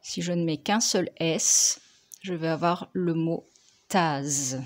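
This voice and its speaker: A woman teacher, slowly dictating and correcting spelling words for young pupils, articulating each word carefully. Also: lowish voice, steady tone. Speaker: primary school teacher.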